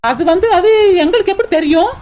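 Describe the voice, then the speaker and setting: Woman voicing a defensive cartoon village girl, rapid speech, high voice. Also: expressive, very noisy. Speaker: cartoon character.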